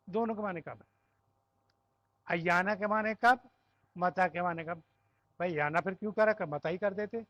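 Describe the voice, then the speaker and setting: High-voiced Pakistani man teaching a class. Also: dry recording, highs cut off. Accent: Pakistani Urdu. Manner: explains step by step, asking the class questions and checking with "right?". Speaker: Arabic grammar teacher. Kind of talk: classroom lesson.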